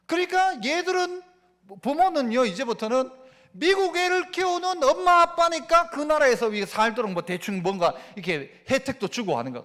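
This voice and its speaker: A pastor in his fifties delivers an animated sermon. His voice sits unusually high for a man. He keeps turning to the congregation with questions.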